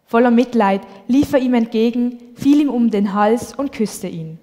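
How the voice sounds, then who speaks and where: A woman reading a Bible passage aloud in a calm, measured way. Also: a little high. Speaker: scripture reader. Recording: long hall reverb.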